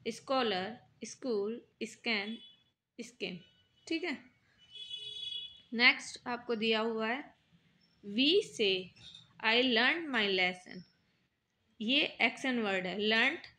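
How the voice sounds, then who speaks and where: A woman with an Indian accent teaching a textbook lesson, explaining each step and reading out the English text slowly. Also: fairly high pitch, pushed and bright.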